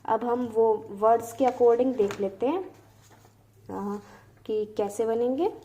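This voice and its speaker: A woman gives an online shorthand lesson. Her voice sits fairly high yet sounds soft and mellow. She works through each rule patiently and stretches out the example words so learners can follow. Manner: explains step by step, repeating example words slowly. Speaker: shorthand teacher.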